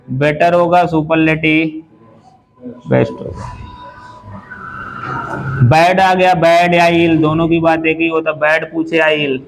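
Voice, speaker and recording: A man gives an English grammar lesson to a class, explaining slowly, spelling words out letter by letter and frequently asking the students questions. His voice is fairly high, and the rough recording has slight background noise.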